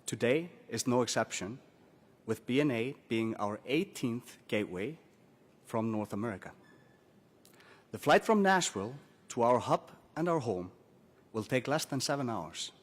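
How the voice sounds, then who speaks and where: An Icelandic man, an airline's chief commercial officer, gives a prepared business speech to an audience at a formal announcement. His voice is medium-pitched for a man, with lively intonation and an unhurried pace broken by frequent pauses.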